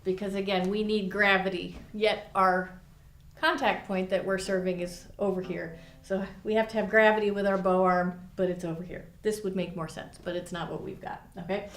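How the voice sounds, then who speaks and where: Woman viola teacher, mid-pitched, encouraging and descriptive, roomy studio sound. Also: level tone, moderate pace, few pauses. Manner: encouraging, explains with imagery. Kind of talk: instructional lesson with demonstration. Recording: echoey room.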